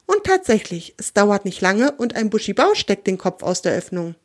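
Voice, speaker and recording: Gentle woman reading a children's story. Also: medium pitch, very animated, moderate pace.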